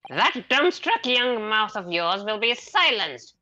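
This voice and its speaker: A woman's voice: mid-range voice, sing-song, slow pace, dull audio, background noise. A woman voicing a smug, scheming male prosecutor in a fan voiceover of a game, gloating and menacing. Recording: game music behind. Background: game music.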